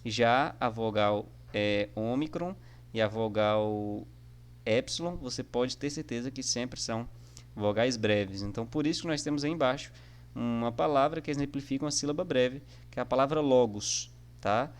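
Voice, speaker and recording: A man teaches an online class in a relaxed, conversational way. His voice sits at a middle pitch, and he walks through each point patiently, often pausing to check in with his listeners. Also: clear, resonant tone. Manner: friendly, repetitive, with frequent "né?" and "tá?" fillers. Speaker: online teacher of biblical Greek. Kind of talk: casual explanatory lesson.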